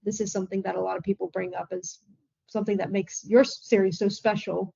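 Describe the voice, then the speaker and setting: A woman's voice: mid-range voice, flat delivery, fast, creaky, dark tone, breathy edge, no room sound, lo-fi sound. Friendly woman interviewer, hesitant. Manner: friendly, agreeable, hesitant with fillers. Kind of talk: casual interview questions.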